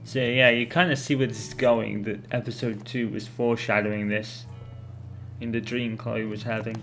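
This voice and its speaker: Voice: medium pitch, steady tone, normal speed, fairly bright tone. A player giving casual, laid-back commentary in short asides during a video game playthrough. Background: faint game music.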